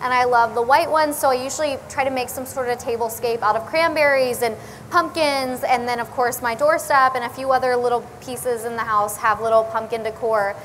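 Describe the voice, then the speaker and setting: A woman's voice: fairly high pitch, steady tone, fairly quick, fairly bright tone, a little hiss or hum, poor audio. A woman in her thirties, a style blogger and TV style expert, talking chattily and with enthusiasm on a panel at an event. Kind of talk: panel discussion. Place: event hall.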